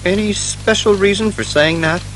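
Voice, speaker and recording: A man playing a brisk police commissioner in an audio drama. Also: high-pitched, a bit bright, faint music behind, poor audio. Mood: concerned.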